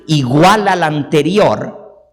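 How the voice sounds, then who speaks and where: A man's voice: a little high, animated, very slow. A male pastor preaching a sermon, explaining point by point with repeated everyday examples. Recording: long reverb of a hall.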